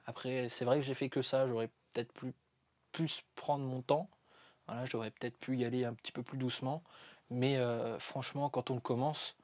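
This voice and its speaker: A man's voice: medium pitch, darkish tone, no room sound. A man chatting casually and enthusiastically to camera while reviewing a toy set, with lots of fillers. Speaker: LEGO reviewer. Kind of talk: casual vlog chat.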